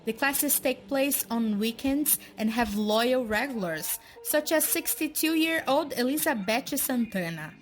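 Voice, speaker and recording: A woman reporter with a fairly high voice reads a news voice-over in an even, measured way. Faint music plays under her. She keeps to the plain rhythm of a news script. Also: rough recording.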